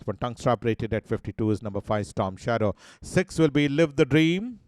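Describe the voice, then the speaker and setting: A man with an Indian English accent presenting a horse racing preview, working through each runner's form in a steady, listing way with many "uh" fillers. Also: medium pitch, moderate pace, no echo. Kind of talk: race preview commentary over replays.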